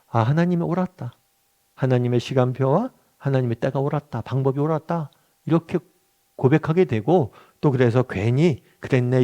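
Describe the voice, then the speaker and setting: A man's voice: medium pitch, darkish tone. Middle-aged guy pastor teaching a bible study, conversational, keeps asking the group questions. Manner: conversational, asks the group questions and acts out quotes. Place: church meeting room.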